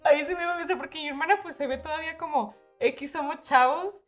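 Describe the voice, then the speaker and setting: Animated young Mexican woman telling a story. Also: high-pitched, fast, highs cut off, soft background music. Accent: Mexican Spanish. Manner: animated storytelling with slang and English mixed in. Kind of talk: casual chat.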